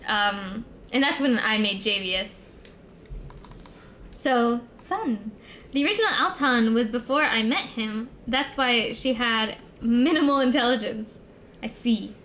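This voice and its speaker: A woman's voice: a little high, takes it slowly, a bit bright, a little hiss or hum. A young woman chatting casually as a livestream co-host, with a cute, bubbly anime-streamer delivery.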